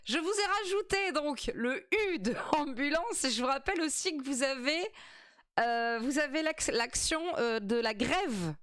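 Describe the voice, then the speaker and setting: A woman streamer talking casually over a TV quiz, her pitch leaping around as she jokes and swears. She speaks slowly and on the high side, into a close, dry mic. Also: no echo. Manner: playful, animated, swears freely.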